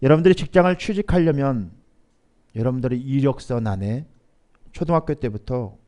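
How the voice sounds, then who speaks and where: A pastor delivers a Sunday sermon in an animated, medium-pitched voice at a moderate pace. He shifts from quiet asides to loud, emphatic rises and has the congregation repeat lines aloud.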